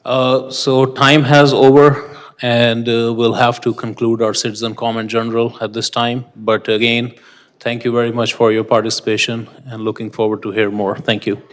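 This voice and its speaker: A man chairing a city council meeting in a slow, measured, formal way. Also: mid-range voice, flat delivery.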